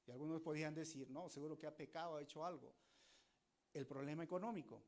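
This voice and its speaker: Lively Peruvian pastor preaching. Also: male voice, a little high, fast. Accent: Peruvian Spanish. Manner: conversational preaching, acting out quoted voices. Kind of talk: sermon.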